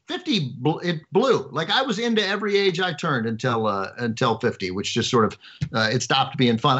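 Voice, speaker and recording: A man's voice: on the high side, pushed and bright, breathy edge. Dry-teasing man in his fifties, Jersey accent. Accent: New Jersey. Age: 50s. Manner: dry teasing, hesitant with many fillers. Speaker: podcast co-host. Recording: dull lo-fi remote audio.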